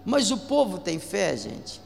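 High-voiced Brazilian pastor in an echoing hall. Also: male voice, huge pitch swings, takes it slowly, gravelly. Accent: Brazilian Portuguese. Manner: emphatic preaching, calls out to the congregation. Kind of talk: sermon. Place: church hall. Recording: echoey hall with faint music.

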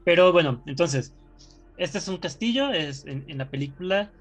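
Male co-host, slightly high-pitched, chatty and joking. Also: expressive, normal speed, faint music behind. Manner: joking, rambling explainer. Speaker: podcast co-host. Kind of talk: casual chat.

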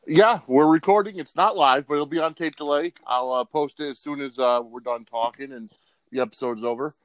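A man's voice: on the high side, brisk, no echo, rough recording. A man hosting a sports podcast in casual talk, with a loose, rambling delivery. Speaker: podcast host.

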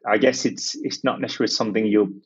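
A man from France speaks fast in a lowish, steady, slightly rough voice, with the highs cut off. As a podcast guest in a reflective conversational interview, he talks hesitantly and thoughtfully, with many restarts and fillers.

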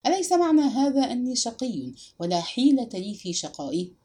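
Woman, audiobook narration, expressive, breathy, lively intonation. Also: on the high side, a little fast. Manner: expressive, dramatic storytelling.

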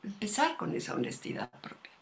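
A woman, speaking as a guest expert in a calm, measured, explanatory conversation and asking her listeners questions.

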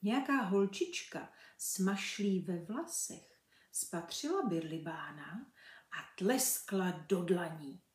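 A woman reading a children's book aloud in a lively, expressive way. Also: lowish voice. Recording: echoey room.

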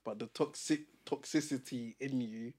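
A man's voice: mid-range voice, moderate pace, a little mellow. A young man with a London roadman accent, co-hosting a podcast in casual street slang. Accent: London, roadman street style. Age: young adult. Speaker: podcast co-host.

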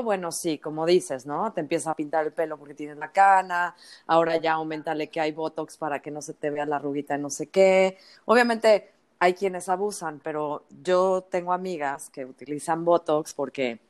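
A woman, a guest in a casual conversation, speaking candidly and quoting her friends. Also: sits low. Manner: candid, reflective, quotes friends.

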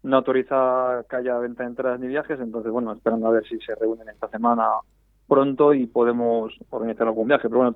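A man's voice: mid-range voice, no room sound. A man from Spain, president of a supporters' club federation, calling in to a radio interview over a landline phone. He talks hesitantly, often repeating and restarting words. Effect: heard over a landline phone. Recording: tinny, dry phone line.

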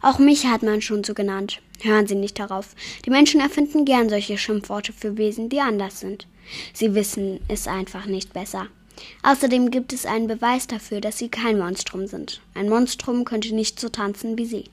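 A woman's voice: mid-range voice, normal speed, natural voice. A woman voicing a courteous, charming male vampire count who speaks politely and reassuringly. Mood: kindly.

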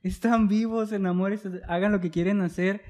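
Casting: woman guest, mid-pitched, sincere and motivational, speaks in long flowing thoughts. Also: steady tone, normal speed, mellow. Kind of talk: reflective conversational talk.

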